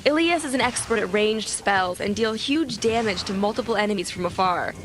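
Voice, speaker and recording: A woman's voice: medium pitch, animated, fairly quick, background noise. A woman co-hosting a video game review show, reading scripted reviews with dry, wisecracking jokes. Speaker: TV show co-host.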